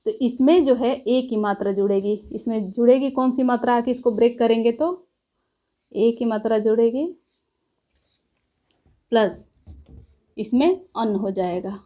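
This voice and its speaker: A woman teaching a lesson, explaining step by step, asking herself questions and pausing often to check in. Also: fairly high pitch, fairly even intonation, mellow. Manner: says "ठीक है" after points. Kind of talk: classroom lecture.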